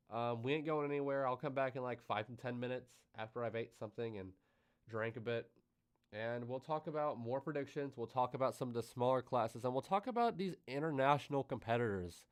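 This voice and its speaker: A man of ordinary pitch hosts a live stream. He talks with excitable energy, his pitch and loudness swinging widely, and he sounds a little out of breath. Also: smooth. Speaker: livestream host.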